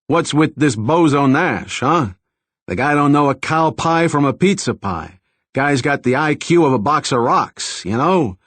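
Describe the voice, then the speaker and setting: A man's voice: on the high side, lively intonation, measured pace, fairly bright tone, dry recording, pitched above the performer's own voice. A man voicing a woman detective who mocks a colleague in a brash, slangy New York City accent. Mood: mocking.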